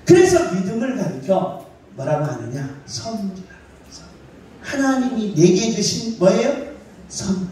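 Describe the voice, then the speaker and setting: A male pastor's high, sing-song, dark-toned voice fills an echoey church sanctuary as he preaches at a measured pace with long pauses. He asks his congregation questions and answers them himself, recorded far from the mic.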